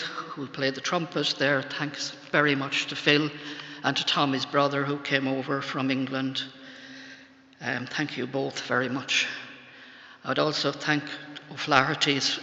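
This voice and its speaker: An older Irish woman giving a funeral eulogy of thanks, tender and faltering, with halting pauses. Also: low-pitched, pushed and bright. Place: large church, speaking to a congregation. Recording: muffled, echoey church hall reverb.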